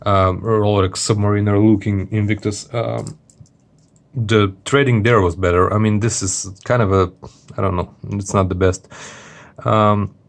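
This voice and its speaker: A man with a slightly deep voice talks through a product review off the cuff. His delivery is informal and hesitant, stopping and starting as he looks for the right word. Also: fairly even intonation, gravelly. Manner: halting, hesitant, searching for words. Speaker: watch reviewer. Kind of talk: casual unscripted product review.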